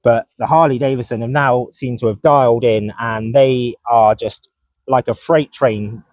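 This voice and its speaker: A man's voice: medium pitch, steady tone, a little slow, a little mellow, dry recording. A man co-hosting a podcast, chatting casually about motorcycle racing and reading from his notes. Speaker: podcast co-host. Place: motorcycle dealership event.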